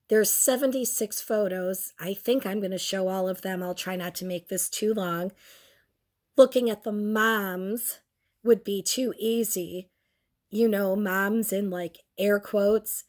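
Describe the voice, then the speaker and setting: With a cold leaving her barely able to speak, a young woman hosts an informal commentary show. Her mid-range, slightly mellow voice moves slowly, stretching out every crude and sardonic jab.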